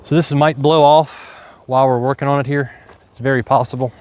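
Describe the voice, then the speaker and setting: A farmer with an Appalachian hillbilly twang livestreams while he works outdoors in a windy farm garden, thinking aloud in casual, folksy, impromptu commentary. His medium-pitched voice is steady, brisk, and a little mellow.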